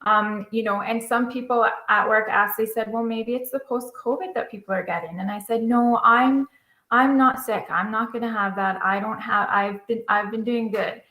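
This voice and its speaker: A woman in her thirties from Canada, telling of a long illness in an interview with halting, hesitant speech. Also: a little high, fairly even intonation, sharp tone, reverberant, low-quality recording. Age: 30s.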